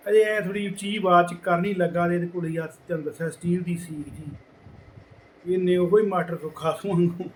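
A middle-aged man with a Majhi Punjabi accent telling a village anecdote casually, acting out the people in it and dropping to hushed tones. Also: high voice, slight background noise, low-quality recording. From Punjab border region. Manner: lively, acts out quoted people, drops to hushed tones. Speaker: storyteller.

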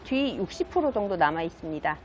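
A woman's voice: on the low side, sing-song, fairly quick, a little hiss or hum. A woman used car dealer giving a polished, polite, promotional sales narration as she presents a car.

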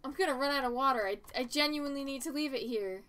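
A woman's voice: sits high, fast talker, a bit bright. A woman streaming a game, talking to herself in casual commentary, pleading with the game and laughing at her own mistakes.

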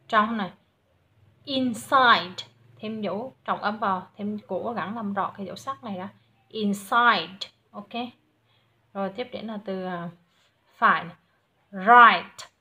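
A woman with a Vietnamese accent giving patient recorded pronunciation feedback to a child, sounding out English words slowly and loudly. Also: mid-range voice. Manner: patient, models each word slowly and loudly.

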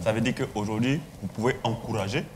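A man's voice: on the low side, fairly quick, big-room sound, a little hiss or hum. Man, panelist, pointed, challenging, studio ambience. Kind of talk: talk show discussion.

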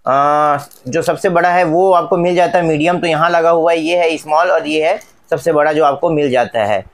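A man with a fairly high voice talks viewers through a gadget unboxing. His delivery is chatty and repetitive, and he keeps pointing out each part as he handles it. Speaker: tech reviewer. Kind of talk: casual product unboxing narration.

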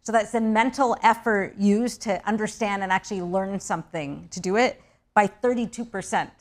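A woman in her forties leads a panel discussion in a television studio and talks in an animated way. Her voice sits at a middle pitch and comes through a clean lapel mic. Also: moderate pace. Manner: animated, gestures while explaining. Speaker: talk show host. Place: TV studio with city backdrop set.

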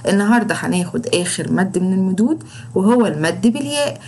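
A young woman teacher with an Egyptian Arabic accent, giving an online lesson to young children and slowly drawing out the sounds of letters and words. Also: medium pitch, lively intonation, a little mellow, slight background noise. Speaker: kindergarten teacher.

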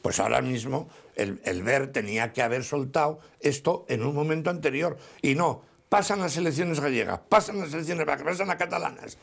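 A man with a Spanish accent arguing politics on a TV panel, animated, with many restarts. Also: on the high side, fairly quick, gravelly, few pauses. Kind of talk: heated political debate.

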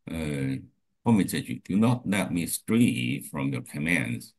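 A man's voice: extremely low pitch, sing-song, slow, breathy edge. A man in a class reading verses aloud and asking careful, earnest questions about word meanings. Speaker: student.

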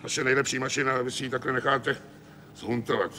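An actor playing a sharp-tongued male machinery expert who scolds sarcastically in a 1980s TV series. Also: medium pitch, flat delivery, noisy background, lightly acted. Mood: scolding.

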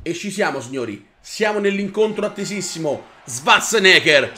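Young guy with a high voice yelling and cursing through a wrestling game, hyped commentary. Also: moderate pace. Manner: energetic, swears and shouts at the game. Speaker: gaming YouTuber. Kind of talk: excited gameplay commentary.

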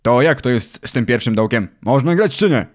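A man's voice: mid-range voice, expressive, moderate pace, close to an everyday voice. A man voicing an impatient adult man grumbling while he waits in line.

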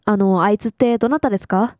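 A woman's voice: mid-range voice, fast talker, a little mellow, no echo, clean studio sound, lightly acted. A woman reading the lines of a polite young male defense lawyer from a game, asking questions.

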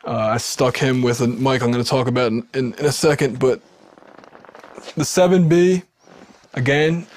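A home recording video host in his thirties casually shows his gear to the camera in a small wood-paneled room, frequently restarting sentences. His voice is medium-pitched and sibilant, picked up dry with no room sound by a studio dynamic mic off camera.

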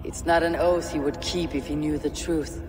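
A man voicing a stern viking warrior in a video game, speaking firmly and directly. His voice sits a little high for a man. Music plays clearly beneath the scene. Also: steady tone, normal speed, lightly acted, low-quality recording. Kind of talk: game dialogue acting.

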